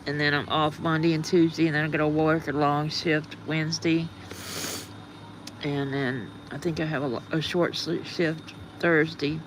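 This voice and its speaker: A woman's voice: low voice, little pitch movement, normal speed, a little hiss or hum. A woman hosting a livestream with a groggy morning voice, rambling casually and greeting her viewers. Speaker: livestream host.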